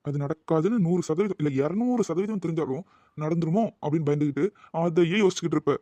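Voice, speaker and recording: Man as cartoon young lover, teasing, coaxing, dark tone, dry sound. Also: a little high, quick pace, no echo, close to an everyday voice. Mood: reassuring. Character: young man teasing his anxious fiancée. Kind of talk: Tamil cartoon dubbing.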